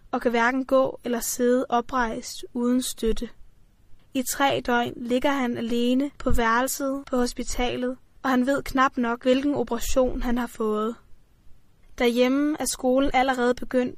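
A woman reading scripted documentary narration in an even, measured way. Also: a little high, no echo.

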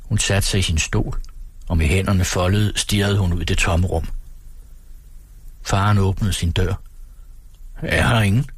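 A man reading a novel aloud as narrator, in a calm, measured way. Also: low-pitched, slightly rough, dry recording. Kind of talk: audiobook reading.

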